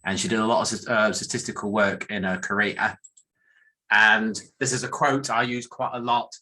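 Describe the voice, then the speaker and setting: Speaking at normal speed in a fairly low, steady voice with a bright, forceful tone, a middle-aged northern English statistician gives a casual career talk. He drifts around, makes light of himself, and often starts his sentences over.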